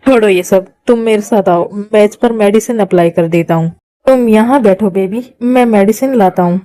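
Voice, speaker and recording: A woman's voice: medium pitch, moderate pace, warm tone, natural voice. A woman doing a possessive, menacing young man. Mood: tender. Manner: possessive, commanding. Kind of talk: Hindi fan-dub drama.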